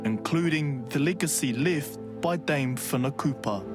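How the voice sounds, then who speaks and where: A man's voice: mid-range voice, measured pace. A man reading scripted documentary narration. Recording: loud music under the voice. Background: loud music.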